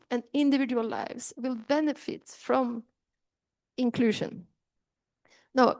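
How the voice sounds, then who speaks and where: Speaking to an audience about inclusion, a middle-aged woman from Norway talks earnestly in a Norwegian accent, often starting her sentences over. Her voice is on the high side, gravelly and somewhat dark in tone, in a dry recording.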